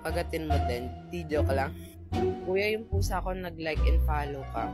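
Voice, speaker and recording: A man with a voice that sounds like a woman's, reading viewer comments aloud in casual chat and answering them with playful, teasing quips. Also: on the high side. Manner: playful, teasing, quick deadpan replies. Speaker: gaming content creator. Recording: clear background music. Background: music playing under the voice.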